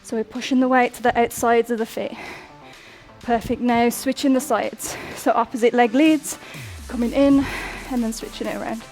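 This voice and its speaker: A woman's voice: a little high, fairly even intonation, moderate pace, darkish tone. A young woman instructing a workout over music in an upbeat coaching manner, counting down reps and sometimes out of breath. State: out of breath at times. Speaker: fitness instructor.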